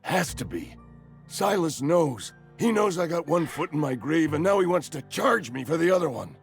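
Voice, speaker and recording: A man's voice: fairly high pitch, very animated, moderate pace, creaky, soft background music. An actor playing a fretful, ailing old man in a video game, theatrically doleful and sure he is dying, with old-fashioned turns of phrase. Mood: doleful, self-pitying. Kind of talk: video game character dialogue.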